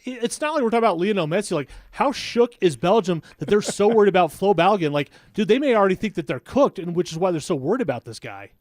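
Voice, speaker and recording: A man's voice: high voice, animated, fast talker, few pauses, no echo, clean studio sound. A man chiming in on a sports talk radio show, incredulous and casual with slang.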